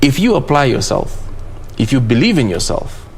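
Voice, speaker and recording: A Kenyan man co-hosts a sports discussion in a studio, speaking emphatically and ending his points with "okay?". His mid-range voice is husky with vocal fry, moving at a moderate, sing-song pace.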